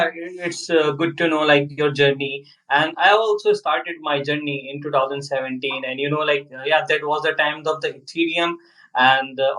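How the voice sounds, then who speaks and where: Halting male podcast host, distant mic. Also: fairly high pitch, fairly bright tone. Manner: halting, heavy use of "like" and "uh". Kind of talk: casual podcast interview.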